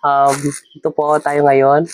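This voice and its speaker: A young man, a student, chatting politely and softly giving thanks during an unboxing vlog. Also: on the high side, takes it slowly, a little hiss or hum, low-quality recording. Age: young adult. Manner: polite, flat, soft-spoken thanks. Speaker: student guest. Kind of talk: casual chat.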